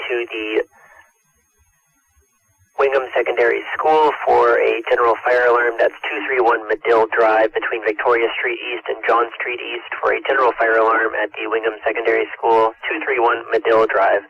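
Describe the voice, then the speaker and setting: A man's voice: mid-range voice, flat delivery, moderate pace, creaky, crowd noise. A man working as a fire dispatcher, talking in formal, procedural radio dispatch style over a two-way radio. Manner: formal, procedural, repeats details back. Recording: muffled dispatch radio with static hiss.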